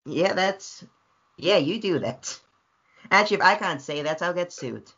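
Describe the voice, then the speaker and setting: Energetic guest on a muffled call. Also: male voice, high voice, measured pace. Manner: energetic, repetitive, bursts into loud yelps. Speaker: recurring podcast guest. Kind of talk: casual review chat. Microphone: video call. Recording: dull lo-fi call audio.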